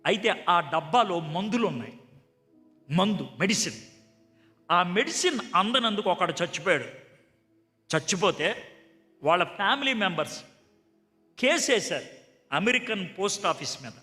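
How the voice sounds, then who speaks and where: A male preacher with a high, bright voice delivers a storytelling sermon and acts out the conversations in it. His voice rings through a large echoey hall, and soft music plays underneath. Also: normal speed, pauses often. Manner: animated, acts out dialogue in a conversational tone.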